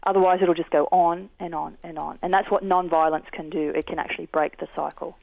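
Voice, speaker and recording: An Australian man, a guest in an interview, telling his experiences in an earnest, measured way. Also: a little high, fairly even intonation, gravelly, no room sound. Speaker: guest, peace activist. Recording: tinny dry phone line.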